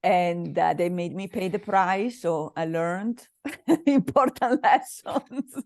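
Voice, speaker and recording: An Italian woman, a business mastermind coach appearing as an interview guest, speaks in a fairly low voice with an Italian accent. She explains things conversationally, pausing and repeating phrases, recorded close and dry with no room sound.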